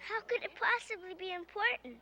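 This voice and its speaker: High-pitched, outspoken young girl. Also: brisk, bright, forceful tone. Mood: indignant, frank. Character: outspoken, sensible young girl on a courtroom visit. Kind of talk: theatrical fantasy drama acting.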